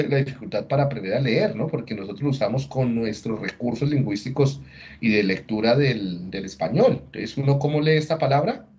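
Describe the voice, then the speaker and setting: A man teaching a class at a middle pitch, walking through ideas one step at a time and constantly checking that his listeners are following. He often restarts and reworks his sentences as he talks. The audio is dull and lo-fi. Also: darkish tone. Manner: restarts and rephrases mid-sentence. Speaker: lecturer. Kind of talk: explanatory class lecture.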